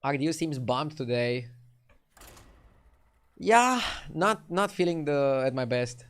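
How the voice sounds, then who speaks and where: While playing cards on a live stream, a young man with a light Romanian accent talks casually with his audience and answers messages between moves. His voice is slightly high and animated, but his pace is slow and his manner relaxed.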